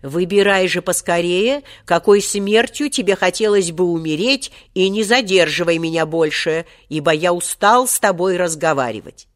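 A woman voicing an ancient, cunning and wrathful male genie in a storybook reading, with grand, booming threats. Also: normal speed, few pauses, close to an everyday voice. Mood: impatient.

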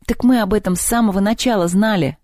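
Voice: mid-range voice, fairly quick, mellow, dry recording, clean studio sound, close to an everyday voice. The narrator of an audiobook voicing an irritable, sarcastic schoolboy. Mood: exasperated. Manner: sarcastic, exasperated.

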